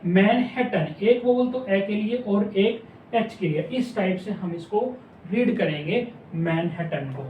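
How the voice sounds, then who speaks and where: A man teaching a shorthand class, explaining step by step and slowly repeating each word, asking questions back to his students. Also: high-pitched, far from the mic, narrow, tinny audio, slight background noise. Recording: echoey room, mic some way off.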